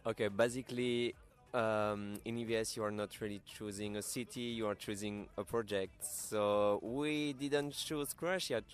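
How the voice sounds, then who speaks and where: A man's voice: on the low side, steady tone, measured pace, few pauses. A man in his twenties with a French accent, plainly explaining his volunteer work in a radio interview. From France. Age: 20s. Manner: explains plainly, uses "basically". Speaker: guest volunteer.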